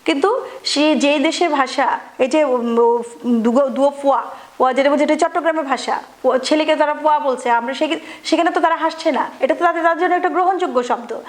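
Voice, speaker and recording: A woman teacher giving a classroom grammar lesson, explaining step by step, often rephrasing and pausing with fillers. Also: high voice. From Bangladesh.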